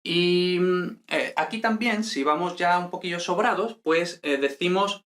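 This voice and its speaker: A man's voice: sits high, unhurried, a bit bright. Chatty man teaching a lesson. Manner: chatty, many fillers and tag questions. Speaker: language teacher. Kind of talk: casual spoken lesson.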